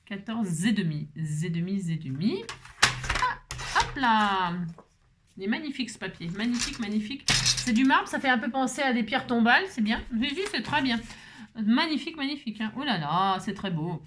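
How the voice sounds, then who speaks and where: A woman's voice: on the high side, lively intonation, normal speed, very noisy. A woman hosting a crafting video at her home table, rambling chattily and tossing frequent asides to her viewers. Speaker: crafting channel host. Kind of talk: casual crafting chat to viewers. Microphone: camera set up on the table.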